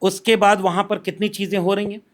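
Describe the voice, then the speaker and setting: Man, high-pitched, podcast guest, measured, explanatory, makes numbered points. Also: level tone. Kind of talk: political discussion.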